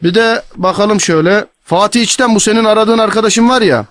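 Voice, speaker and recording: Fast, high-voiced man bullying a caller. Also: a bit bright, dry recording. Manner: bossy, threatening, stifling laughter. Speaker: radio prank caller. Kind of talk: radio prank call, posing as an official. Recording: noisy radio broadcast.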